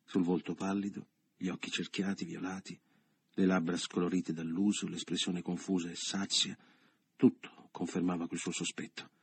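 A man narrating a literary novel as an audiobook in a measured, subdued reading style. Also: deep voice, flat delivery, breathy edge, no echo.

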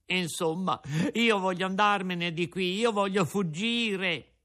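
A man's voice: sits high, slow pace, bright, forceful tone, pitched above the performer's own voice, full character voice. A man voicing a frightened, tearful wooden puppet boy in a storybook reading, with a whiny, pleading voice. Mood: scared.

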